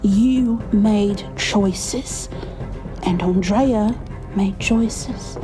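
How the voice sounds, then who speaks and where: In an ASMR roleplay, a woman portrays an elegant, passionate vampire noblewoman. Her mid-range voice stays close to how she might normally talk, and her delivery is formal, earnest and deliberate.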